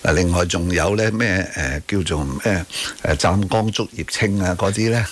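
Low-voiced and moderately paced, a radio talk show host with a Hong Kong Cantonese accent speaks from his studio. He debates current affairs emphatically, dropping in English phrases and rhetorical tag questions.

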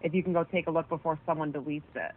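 Speaking rapid-fire in a low-pitched voice with fairly even intonation, a woman chats casually on a jail phone call, where she is the caller. She swears frequently, and the narrowband phone line is noisy.

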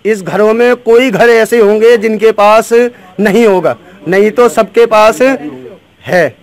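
Guy in his 30s, high pitched, insistent street witness, repeats himself. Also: takes it slowly. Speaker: eyewitness interviewee. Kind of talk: animated street eyewitness account. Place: outdoors in a narrow lane with onlookers. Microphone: reporter's handheld microphone.

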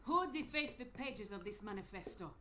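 A woman's voice: medium pitch, expressive, moderate pace, bright, forceful tone. An actress voicing a stern female overseer who interrogates and gives harsh commands. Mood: commanding.

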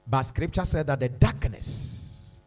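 A man preaching a sermon in a church, slow and emphatic, repeating lines for dramatic weight. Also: medium pitch, animated. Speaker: pastor.

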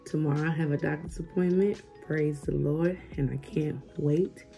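A vlogger in her thirties chats casually with viewers from her living room at home while recovering from being sick. Her low, gravelly voice has fairly even intonation at normal speed, with soft background music. She says "y'all" a lot and gushes warmly over gifts.

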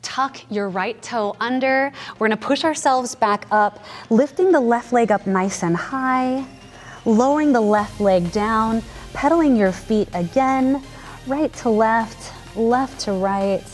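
A fitness trainer in her thirties leads a yoga flow in a large indoor gym studio, giving encouraging, upbeat cues. Her voice is on the high side and she takes it slowly, with faint music in the background.

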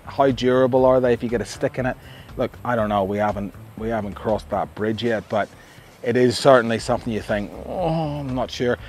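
A man's voice: mid-range voice, fairly quick, darkish tone, slight background noise. A middle-aged Australian man giving a chatty, enthusiastic camping gear review outdoors at a campsite, often restarting his sentences. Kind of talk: casual outdoor product review. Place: outdoor campsite among trees.

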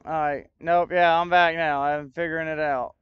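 A man's voice: on the high side, flat delivery, normal speed, clean tone, no room sound, muffled recording. Frustrated man chatting on a livestream. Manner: frustrated, talks to chat while fixing tech trouble; chatty, thinks aloud. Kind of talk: casual livestream chat.

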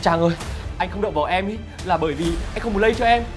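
An actor playing a young husband who pleads with his wife, guilty and halting. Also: high-pitched, natural voice. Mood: defensive. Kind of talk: short web drama acting. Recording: music behind the voice.

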